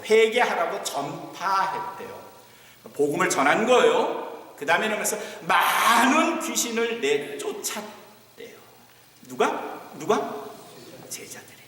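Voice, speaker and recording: Man, pastor, sermon, high voice, dramatic hushed-to-loud delivery, distant, booming church reverb. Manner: dramatic, swings from hushed whispers to raised exclamations. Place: church sanctuary. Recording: echoey church hall, voice from afar. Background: long hall reverb.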